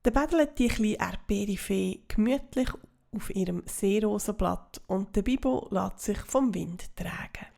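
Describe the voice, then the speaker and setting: Swiss German woman reading a children's story, slow and soft, gravelly. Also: mid-range voice. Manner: soft, half-whispered narration.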